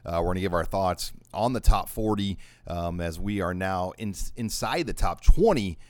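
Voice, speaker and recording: A man's voice: low-pitched, moderate pace. An American man hosting a sports talk show, counting down a ranked list of players in conversation.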